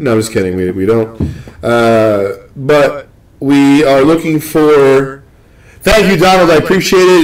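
A young man from the Northeast US hosting a live card-opening stream, rambling and joking with excitement. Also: fairly high pitch, poor audio. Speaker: card break host.

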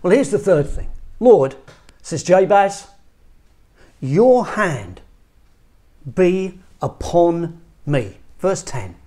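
Middle-aged male preacher from England; slow, emphatic delivery with a lively, rising and falling pitch. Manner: earnest, emphatic, gestures with both hands. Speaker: pastor. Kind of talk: sermon. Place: small church room indoors. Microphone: lapel mic.

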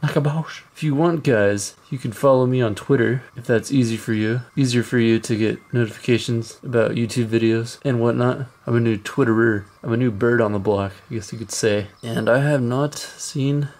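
A man's voice: medium pitch, steady tone, normal speed, hardly any pauses, darkish tone. A man hosting his own channel, giving playful, jokey commentary over mobile gameplay and talking straight to viewers. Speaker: mobile game channel host.

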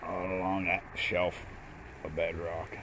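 A low-pitched man speaks slowly and flatly against a noisy background. He's a gold prospecting vlogger casually narrating by a river into an action camera, rambling in a folksy manner and repeating himself.

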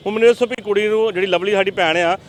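Guy reporter on the street, quick prompting questions, talks real fast. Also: high voice, fairly even intonation. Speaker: field reporter. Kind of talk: on-the-spot news interview.

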